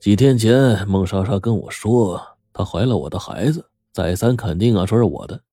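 A male storyteller voicing a sly, grinning middle-aged blackmailer who talks in a smug, mocking, drawn-out way. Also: fairly low pitch, mellow, no echo, clean studio sound, natural voice. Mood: smug, taunting.

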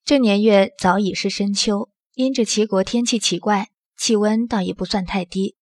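A woman narrating an audio drama in the first person with a steady storytelling manner. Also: medium pitch, normal speed, dry recording.

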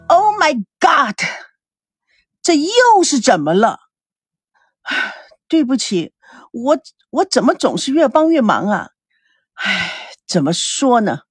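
A coy young assistant pleads in a high, breathy voice, as a storyteller puts her on. It is recorded dry and close. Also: sing-song, slow pace, pauses often, no echo, heavily acted.

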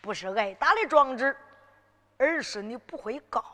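A woman's voice: high-pitched, animated, moderate pace, sharp tone, long reverb tail. A woman storyteller voicing a disguised old emperor who fatherly scolds his adopted daughter, in emphatic dialect. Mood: fussy scolding. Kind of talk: Henan zhuizi ballad storytelling.

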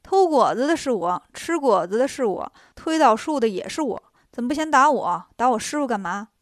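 A woman's voice: a little high, big pitch swings, fairly quick, dry recording, studio quality. Woman doing a brash monkey king. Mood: defiant. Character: cheeky quick-witted male monkey king, bold.

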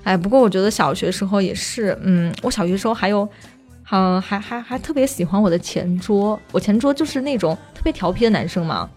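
A woman's voice: medium pitch, animated, a little fast, darkish tone, soft background music. A woman co-hosting a casual chat show, telling childhood stories with many restarts and giggles. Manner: chatty storyteller, lots of restarts and giggles. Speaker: radio show co-host.

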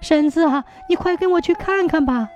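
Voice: very high-pitched, normal speed, faint music behind, pitched above the performer's own voice. A storyteller voicing a frantic young village mother who pleads in a raised, anxious voice. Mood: frantic pleading.

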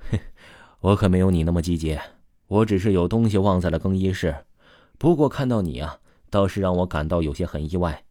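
A man voicing a smiling, evasive young male swimmer who speaks smoothly. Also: deep voice, a little fast, warm tone, dry recording, studio quality, close to an everyday voice. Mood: teasing.

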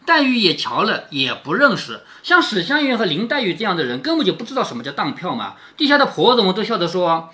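A man reads a classic novel to his daughter and explains each scene as he goes. He often stops to check whether she follows, much as a teacher would. His voice is bright and his pitch moves widely. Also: big pitch swings, fast talker, few pauses. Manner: keeps asking rhetorical questions like a teacher. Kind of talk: explanatory novel reading and commentary.

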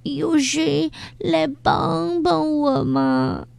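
A woman's voice: high voice, huge pitch swings, very slow, gravelly, a little mellow, no room sound, pitched above the performer's own voice, heavily acted. A woman voicing a greedy, whimpering little female beetle in a children's story. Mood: tearful. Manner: whimpering, plaintive.

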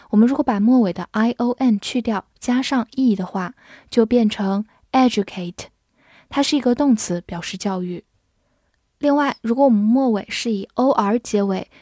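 A woman teaching English vocabulary, spelling words out letter by letter and reading example sentences slowly for students to repeat. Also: mid-range voice, darkish tone, no room sound, studio quality. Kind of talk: vocabulary lesson.

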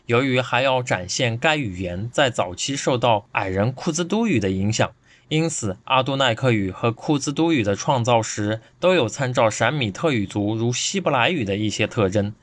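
A man's voice: medium pitch, lively intonation, normal speed, no echo. A man presenting a scripted podcast lecture, reading steadily and evenly from his notes into a close microphone.

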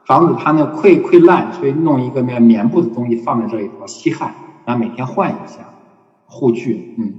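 A man, a hospice volunteer, recounting a story in an unhurried conversational way and often repeating words as he recalls details. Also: mid-range voice, darkish tone. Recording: roomy hall with long reverb, dull sound.

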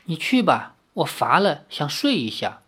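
A reader voicing a fragile young woman who speaks in a hesitant, soft, pleading way. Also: medium pitch, sing-song, measured pace, breathy edge, exaggerated voice.

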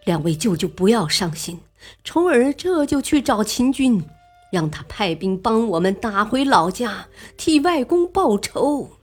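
A woman's voice: medium pitch, very animated, a little slow, slightly rough, soft background music. A woman voicing an earnest exiled male prince who speaks with indignant force in a storybook reading. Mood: resolute. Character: proud exiled prince, grown man, earnest.

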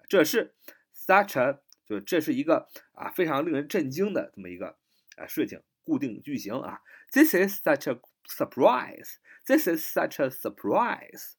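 A man teaching spoken English in Chinese, repeating phrases slowly, spelling words out letter by letter and acting out exclamations. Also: mid-range voice, slightly rough. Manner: animated, acts out exclamations.

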